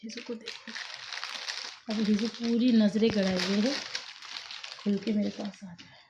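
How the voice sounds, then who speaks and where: A woman's voice: mid-range voice, steady tone, unhurried, noisy background. A woman in her thirties chatting at home to her viewers in a casual vlog, laughing often and coaxing her children. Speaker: vlogger, mother.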